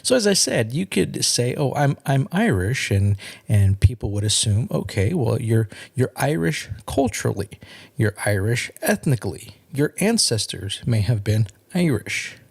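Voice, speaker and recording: Podcast host, male, gravelly voice that rises and falls widely, earnest solo monologue. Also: mid-range voice, very animated. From California. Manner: earnest, measured, with repeated restarts.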